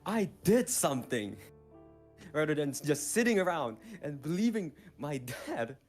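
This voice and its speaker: A man playing a bitter, defiant villain in a tabletop game, delivering a slow theatrical monologue with heavy pauses. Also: a little high, big pitch swings, faint music behind. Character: bitter defiant villain justifying killing loved ones. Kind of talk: tabletop role-play monologue.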